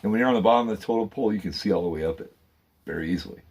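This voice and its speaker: Low husky-voiced man ranting fervently. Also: very fast, darkish tone. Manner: fervent, repetitive, addresses viewers as guys and man. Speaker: channel host. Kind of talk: rambling conspiracy monologue.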